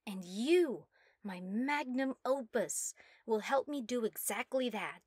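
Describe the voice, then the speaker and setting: A woman voicing a proud, giddy young mad scientist obsessed with her work, theatrical and self-satisfied, in a soft ASMR role-play. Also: on the high side, lively intonation, takes it slowly, breathy edge, no room sound, clean studio sound, heavily acted. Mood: triumphant, proud.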